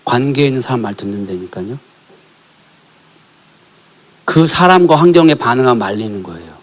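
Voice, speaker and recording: Male pastor, sermon, lively swooping pitch, emphatic then hushed, questions to the congregation. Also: normal speed. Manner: animated, swings from emphatic high calls to hushed near-whispers; storytelling, asks the congregation questions. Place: church sanctuary.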